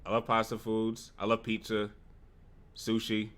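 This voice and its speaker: A man's voice: fairly low pitch, completely flat delivery, measured pace, crowd noise. A young man hosting a podcast, reading chat questions and joking around, often laughing and stumbling over his first words. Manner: playful and laughing, with stammered starts.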